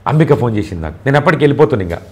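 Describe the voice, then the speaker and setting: A man's voice: mid-range voice, very animated, darkish tone, breathy edge. A man in an interview recounting events at length, insistent and repetitive, often quoting what others said. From Telugu-speaking India. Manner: fast, insistent, repeats points and quotes others. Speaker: interviewee making allegations.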